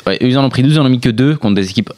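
A man's voice: mid-range voice, very fast, a little mellow. A man with a French accent giving sports betting tips on a casual radio show, hesitant, full of fillers and restarts.

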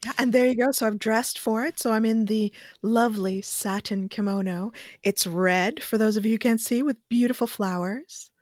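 A woman co-hosting a casual podcast chat, playful and quick to laugh. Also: fairly high pitch, darkish tone, dry recording, studio quality. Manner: playful, laughs easily, talks in quick bursts. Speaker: podcast co-host.

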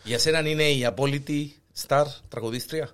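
A man's voice: mid-range voice, smooth. A man with a Cypriot Greek accent, interviewing in a casual, familiar way with frequent short interjections. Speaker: interviewer, host.

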